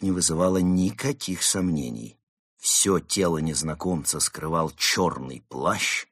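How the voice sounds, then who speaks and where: A man narrating a storybook tale in an expressive, dramatic way. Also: low-pitched, slightly rough, no echo, clean studio sound.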